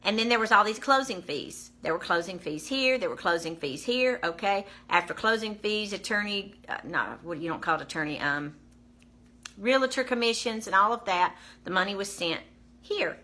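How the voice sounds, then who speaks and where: A woman's voice: mid-range voice, lively intonation, normal speed, bright, forceful tone. A woman telling a personal faith testimony in a casual, emphatic way, repeating key numbers for effect. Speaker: vlogger sharing a faith testimony.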